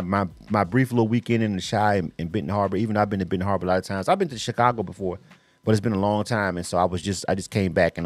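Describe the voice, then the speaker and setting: Hosting a radio interview, this middle-aged man from Florida speaks in a lowish voice, captured in a dry recording. His talk is slangy and wandering, full of offhand asides and repeated "you know what I'm saying."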